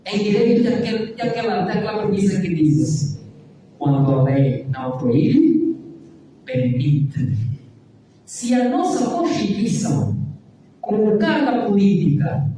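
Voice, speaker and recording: A civic activist on a debate panel argues emphatically and rhetorically, frequently tagging his points with "não é?" His voice is high with a dark tone. The room is echoey, the mic is distant, and there's slight background noise.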